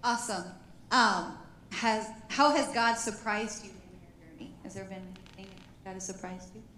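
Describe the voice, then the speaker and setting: A woman in her forties hosting a church women's panel, speaking warmly and getting emotional at times. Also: mid-range voice, fairly even intonation, normal speed, slight background noise. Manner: warm emotional, chokes up with laughter. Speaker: panel host. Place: church sanctuary. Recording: echoey church hall.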